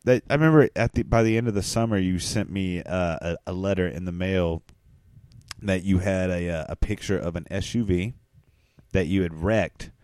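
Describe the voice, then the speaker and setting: Low-voiced man rambling through deadpan tall tales. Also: normal speed, smooth, no echo. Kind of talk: casual comedic chat.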